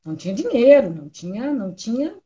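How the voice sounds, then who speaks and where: Lady in her 60s, pretty high voice but mellow, dull lo-fi sound. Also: big pitch swings, quick pace. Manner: reflective, frequent tag questions. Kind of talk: casual conversation.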